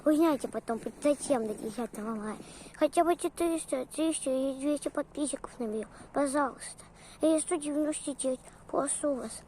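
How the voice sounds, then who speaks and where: A woman's voice: sits high, a little mellow, a little hiss or hum, close to an everyday voice, low-quality recording. A woman voicing a playful, chatty talking corgi puppy in a childlike, rambling and singsong way for an improvised pet vlog.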